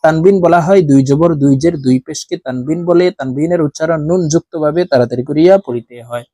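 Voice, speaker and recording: A man teaching Quran letter reading, spelling out each syllable and then slowly drawing out the whole word. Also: on the high side, warm tone, no room sound. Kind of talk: slow spelled-out recitation lesson.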